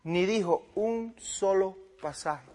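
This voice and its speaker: A man whose voice sits high speaks slowly as he preaches. He retells a debate with another pastor, quoting both parties, and his volume swings from loud to quiet in this sermon-style story.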